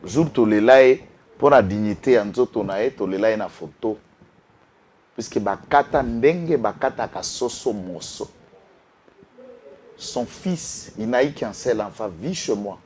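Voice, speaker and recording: A man's voice: on the low side, slow, darkish tone, slight background noise. A man from Congo, speaking with passion as a guest on a political talk show and mixing in Lingala. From Congo-Kinshasa. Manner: impassioned, switches between French and Lingala, rises to outbursts.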